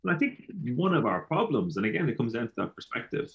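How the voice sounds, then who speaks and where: A man's voice: medium pitch, big pitch swings, fast talker, gravelly, highs cut off. A man from Galway with a west of Ireland accent, talking casually and philosophically, repeating himself and leaning on filler phrases. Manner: repeats himself, peppers talk with "you know".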